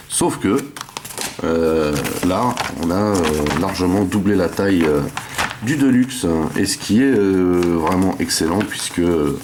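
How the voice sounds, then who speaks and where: Deep-voiced man with a halting delivery. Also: noisy background. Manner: hesitant, many filler words. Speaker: toy reviewer. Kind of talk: casual toy review.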